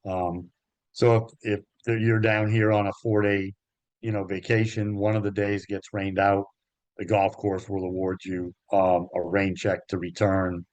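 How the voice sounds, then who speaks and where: Deep-voiced man, dry sound. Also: no room sound. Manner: relaxed, halting, many ums. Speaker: golf travel agent, guest. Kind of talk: interview conversation. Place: Myrtle Beach area.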